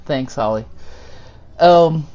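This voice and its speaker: A man's voice: fairly high pitch, slow pace, dark tone, dull audio. A man, a guest chatting casually and informally about his work. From Costa Rica. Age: 20s. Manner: friendly, informal, loose non-native phrasing. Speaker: podcast guest, dentist. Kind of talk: casual interview answers.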